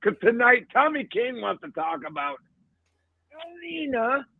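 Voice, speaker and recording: A lively, rambling man calls in over a bad connection that keeps breaking up. His husky, slightly high voice swoops around as he talks. The whole thing comes through a thin, tinny phone line. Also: unhurried, dry recording. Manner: rambling, excitable. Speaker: caller. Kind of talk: casual call-in chat.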